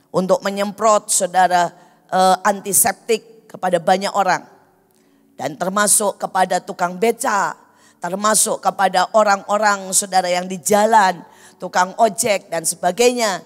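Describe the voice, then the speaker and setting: A woman pastor preaching with passion, swinging from loud cries to hushed whispers, with an Indonesian accent. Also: medium pitch, fairly even intonation, measured pace. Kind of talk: sermon. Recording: long hall reverb with music behind.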